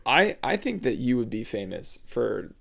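A man's voice: medium pitch, sing-song, moderate pace, vocal fry, a bit bright. A young man co-hosting a podcast in casual chat, teasing his co-host with dry quips.

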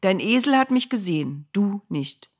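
A woman's voice: medium pitch, very animated, normal speed, darkish tone, pitched above the performer's own voice. A woman voicing a stern male angel with a flaming sword. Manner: stern, unmoved.

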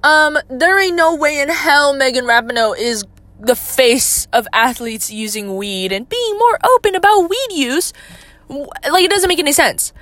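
A young woman with a fairly high voice, recorded close and dry, chats on her own podcast in a loose, rambling way. She piles up fillers and drops casual swears, easygoing but quick to turn indignant. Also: no room sound. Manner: laid-back, then animated and indignant. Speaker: podcast host. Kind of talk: casual solo podcast chat.

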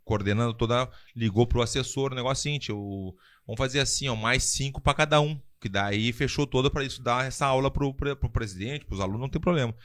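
A man's voice: mid-range voice, fast, hardly any pauses, a bit bright. A man telling a story in casual podcast chat, acting out quotes and laughing often. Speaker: podcast guest telling a fight-world story.

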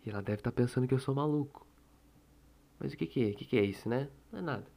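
A man's voice: mid-range voice, fast talker, vocal fry, mellow. A young man from Brazil telling a long casual story at home, rambling and cursing, often restarting his sentences. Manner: rambling, profane, self-correcting. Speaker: storyteller vlogger. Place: room at home on a noisy street. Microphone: desktop microphone.

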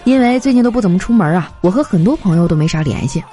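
A young woman telling comic anecdotes in a chatty, animated way, slipping into voices for the people in her stories. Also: medium pitch, quick pace. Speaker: comedy storyteller. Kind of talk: scripted comic monologue. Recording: light background music. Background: faint music.

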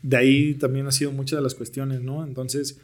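A man's voice: medium pitch, flat delivery, moderate pace. A young man with a Mexican accent, a podcast guest telling stories in slangy, laid-back talk. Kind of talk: casual storytelling interview.

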